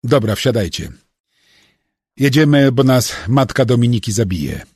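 A man voicing an easygoing young male driver who talks in a relaxed, teasing way. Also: medium pitch, unhurried, slightly rough, dry recording, studio quality, voice pushed up.

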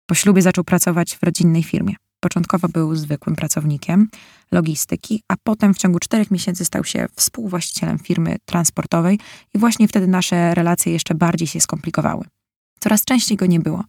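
Młoda kobieta czyta powieść w pierwszej osobie, emocjonalnie i z goryczą. Jej głos jest chropawy, z wyraźnym trzeszczeniem, a nagranie suche, bez pogłosu, tuż przy mikrofonie. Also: female voice, lowish voice, fairly even intonation, fairly quick, vocal fry, a little mellow, no echo, clean studio sound. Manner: emotional, bitter. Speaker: audiobook narrator. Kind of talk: first-person novel narration.

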